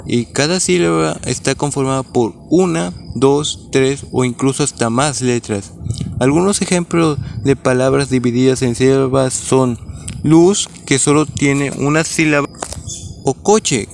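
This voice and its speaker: A man reading out a school lesson on syllables, with plain delivery and short pauses between examples. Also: medium pitch, gravelly, a little hiss or hum.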